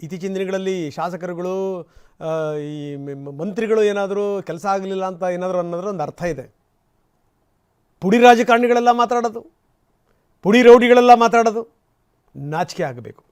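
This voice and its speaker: Indignant high-voiced man delivering news commentary. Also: steady tone, normal speed, long pauses, a little mellow, clear, resonant tone. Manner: indignant, rhetorical, emphatic repetition. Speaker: news anchor.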